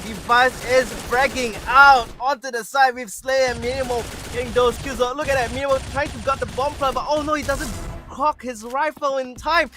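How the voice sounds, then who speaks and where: A woman casting an esports match live in an excitable, exclamatory way. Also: high voice, normal speed, music in the background. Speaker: esports caster. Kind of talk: live esports play-by-play commentary.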